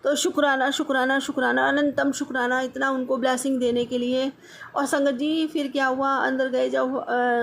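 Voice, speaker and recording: Middle-aged woman devotee giving a casual devotional testimony, high voice with a gravelly edge, keeps thanking and addressing the listeners. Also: a little hiss or hum. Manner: repeatedly addresses the listeners as "sangat ji"; repeats words of thanks over and over. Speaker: devotee sharing a satsang experience.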